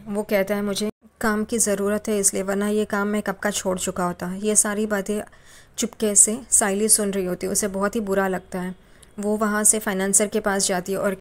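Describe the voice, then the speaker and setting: A woman casually retelling a TV serial episode, reading the characters' quoted lines in the same plain, even way. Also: mid-range voice. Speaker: serial recap narrator. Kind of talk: casual storytelling recap.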